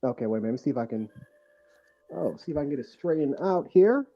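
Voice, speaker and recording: A man's voice: mid-range voice, animated, fast, faint music behind. A man joining a live stream by online call, his voice muffled as if through a wall, talking casually and repeating himself while holding back a rant. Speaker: guest commentator on a fan live stream. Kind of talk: casual chat. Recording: muffled, dull-sounding online call audio.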